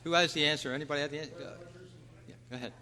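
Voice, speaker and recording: At a club meeting in a large convention meeting room, a man hosts a live quiz and makes announcements to the crowd. His voice is on the high side with a sharp tone and fairly even intonation, and he talks at a racing speed. The hall is echoey with long reverb.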